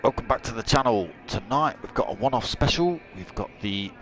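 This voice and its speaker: Over the roar of racing car engines and track noise, a streamer calls an online race live, keeping it chatty and tossing in dad jokes between updates. His mid-range voice is animated and fairly quick.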